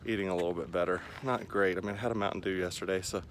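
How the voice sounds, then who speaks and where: A vlogger in his forties fires off words rapidly in a low voice with a steady tone as he paces through a park by a lake. His casual running chat to camera is rambling and self-deprecating, with clear outdoor background sound.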